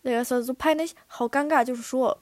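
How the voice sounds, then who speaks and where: A young woman hosting a podcast in casual chat, excitable, with dramatic outbursts and English slang thrown in. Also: sits high, brisk, dry recording. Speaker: podcast host.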